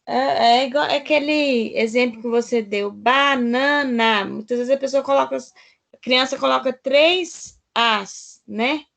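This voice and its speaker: A woman's voice: high voice, slow, vocal fry, fairly bright tone. A woman student answering in class, tentative and hesitant.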